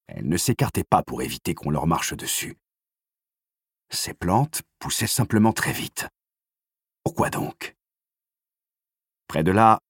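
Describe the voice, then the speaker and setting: A man reads an audiobook aloud in a measured, steady narration. His voice sits very low with a husky grain. The recording is dry and close, with no room sound. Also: no room sound.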